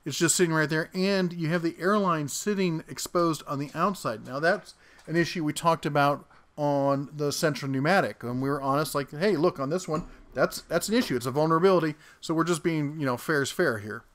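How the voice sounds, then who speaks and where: A man's voice: a little high, fairly quick, a bit bright. Wisecracking man reviewing tools. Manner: wisecracking, talks while working. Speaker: tool reviewer host. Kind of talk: casual product review. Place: home workshop garage.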